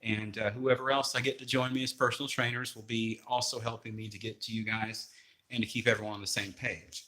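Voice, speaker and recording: Man, slightly low pitch, bright forceful tone, informal rambling trainer talk, halting delivery, frequent check-ins. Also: little pitch movement. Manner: halting, repeatedly checks with "okay?". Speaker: personal trainer pitching a weight-loss walking program.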